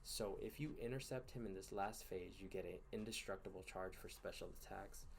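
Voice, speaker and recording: A man hosting a gaming channel, giving casual commentary over gameplay late at night, tired and yawning, in a relaxed, rambling way with fillers and sighs. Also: low voice, a little fast, creaky, a little hiss or hum. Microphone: voice-over recorded in one take.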